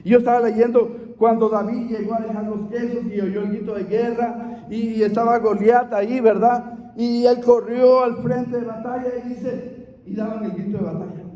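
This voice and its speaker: A man with a strikingly high voice preaches with fervor, calling his listeners brothers and rising into shouts. His voice rings out with a long hall reverb around it. He sounds middle-aged, leading a night church service. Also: little pitch movement, moderate pace, a little hiss or hum. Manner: fervent, calls listeners brother, bursts into shouts. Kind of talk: sermon.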